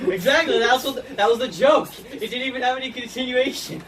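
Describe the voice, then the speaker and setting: A woman's voice: fast talker, fairly bright tone. A woman casually reading jokes as host of a laughing challenge, blunt and sweary. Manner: profane, blunt. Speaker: joke reader hosting a laughing challenge. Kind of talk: casual joke telling. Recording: noisy, distant microphone, rumbling background.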